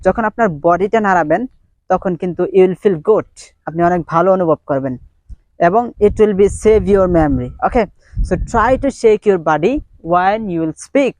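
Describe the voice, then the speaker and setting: A man's voice: high-pitched, slow pace, a little mellow, no room sound, rough recording. A Bangladeshi man teaching an English lesson on his YouTube channel. He switches between Bengali and English and drills short questions and answers with energy. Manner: moves his body while speaking.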